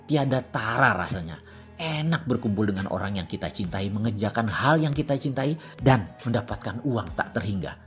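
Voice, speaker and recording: A middle-aged man telling a reflective first-person story as scripted narration. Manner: reflective storytelling, rising pitch when quoting his own doubts. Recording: faint background music.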